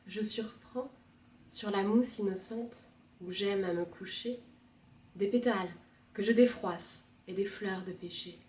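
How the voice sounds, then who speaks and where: A woman librarian reading a poem aloud in a measured, soft expressive manner. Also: medium pitch, recorded from a distance, a little hiss or hum. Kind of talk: poetry reading. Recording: roomy, from the mic.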